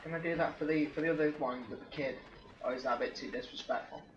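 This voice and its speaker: Speaking fast in a slightly high voice with fairly even intonation, this let's-play gamer reacts to every scare with exclamations and swearing as he commentates his game. The audio has echo, a slightly dull quality, and faint background noise.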